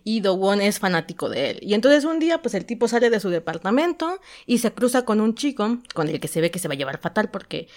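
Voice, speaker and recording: A Mexican woman hosting a podcast, casually retelling a story in a chatty way and often pausing to search for the right word. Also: mid-range voice, big pitch swings. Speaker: podcast host and novelist.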